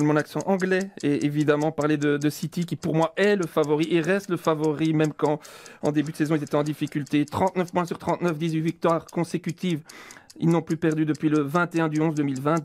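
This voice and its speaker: A man arguing a football debate as a pundit, reeling off statistics in quick succession. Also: fairly high pitch. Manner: rapid-fire stats delivery. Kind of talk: argument in a debate.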